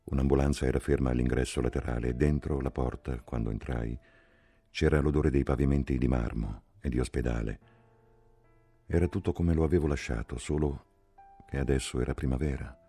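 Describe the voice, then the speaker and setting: A man reading a novel aloud in measured, calm audiobook narration. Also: extremely low pitch, husky, dry recording, faint music behind. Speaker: audiobook reader.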